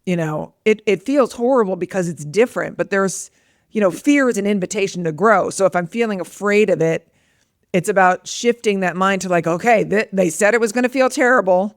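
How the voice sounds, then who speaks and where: A woman's voice: medium pitch, brisk, no echo, clean studio sound. A woman in her fifties, a guest on a podcast interview, telling stories in an upbeat, frank way. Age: 50s. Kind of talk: conversational interview.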